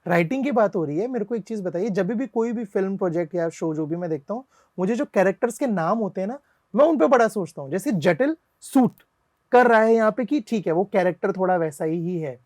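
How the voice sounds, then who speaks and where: A man's voice: high-pitched, animated, fairly quick, a little mellow, no room sound, clean studio sound. A male interviewer who listens attentively, agrees briefly, and then asks his questions in a chatty way. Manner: attentive, frequent short agreeing responses. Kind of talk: interview conversation.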